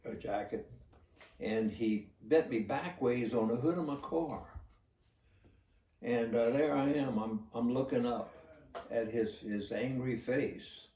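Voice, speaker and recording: An older man, a former police officer, telling a story in a halting, plainspoken way. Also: mid-range voice, warm tone. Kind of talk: casual spoken storytelling. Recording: roomy echo, distant from the mic.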